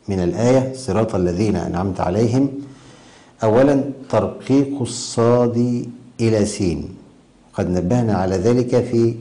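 A man teaching Quran recitation rules, slowly chanting examples of right and wrong pronunciation. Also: fairly low pitch, warm tone, poor audio. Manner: demonstrates recitation slowly, contrasting errors. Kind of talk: tajweed lesson.

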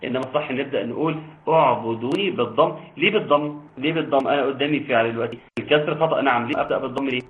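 Man teaching Quran recitation over a tinny line. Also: medium pitch. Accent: Egyptian Arabic. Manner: explains quickly, then recites slowly in a chanting voice. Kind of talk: online tajweed lesson with students. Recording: tinny phone-like line, faint noise.

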